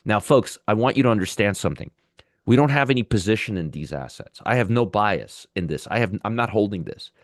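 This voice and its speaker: Fairly low in pitch with a lively intonation, a man talks fairly quickly over clean, echo-free studio audio. He hosts a live pre-market market commentary show while feeling sick with a sore throat, going over things in a chatty way and restating what he's said.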